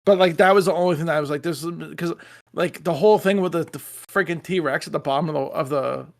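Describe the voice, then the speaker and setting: A man co-hosting a podcast, talking in an animated, excitable way and swearing freely. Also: on the high side, fast, gravelly. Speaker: podcast co-host. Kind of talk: casual chat.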